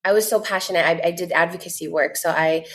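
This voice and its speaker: Fast and lowish in pitch, an American woman in her 20s talks as a podcast guest. She's a content creator whose casual, earnest chatter is dotted with many "like"s.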